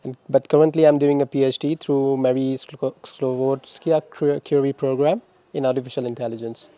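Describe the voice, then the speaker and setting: A young man from Pakistan, a former master's student, gives casual answers to interview questions, halting and often restarting or repeating words. His voice is mellow and dark, its pitch flat and even, with no echo.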